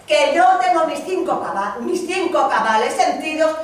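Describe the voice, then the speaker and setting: A woman on an amateur stage playing a fiery, indignant wife who wants rid of her husband, loud and mocking. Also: high-pitched, very animated, normal speed. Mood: scornful. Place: community centre stage. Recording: echoey stage from far off, noisy.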